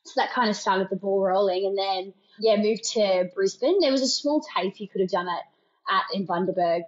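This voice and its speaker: A woman's voice: medium pitch, dull audio. Chatty young Australian woman. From Queensland, Australia. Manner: chatty, laughs often, lots of "like" and "kind of". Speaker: guest, nurse. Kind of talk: casual interview chat.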